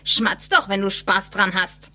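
A woman's voice: mid-range voice, bright, forceful tone. A woman voicing a cheeky little male Christmas elf in a storybook reading, brash and huffy. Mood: reassuring. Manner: brash, huffy and quick-tempered.

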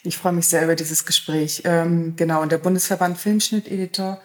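A woman film editor, a podcast guest, answering questions in a polite, measured way. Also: on the low side, fairly even intonation, darkish tone. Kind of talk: interview answers.

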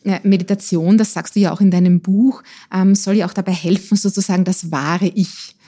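A woman's voice: mid-range voice, fairly even intonation, fairly quick, warm tone. A woman interviewing a guest, asking long questions with hesitant fillers. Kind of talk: interview conversation.

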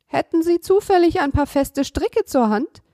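A woman voicing a clever, cheeky puppet boy from a storybook. He talks briskly, coaxing and bossing, in a somewhat high voice, recorded dry and close. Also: lively intonation, warm tone, dry recording. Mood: coaxing, sly.

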